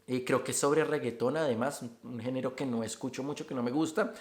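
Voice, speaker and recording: A man's voice: medium pitch, fairly even intonation, fairly quick, reverberant. A man from Colombia with a Bogotá accent, talking reflectively in a casual opinion video about migrant life. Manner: reflective and conversational, stringing points with "entonces".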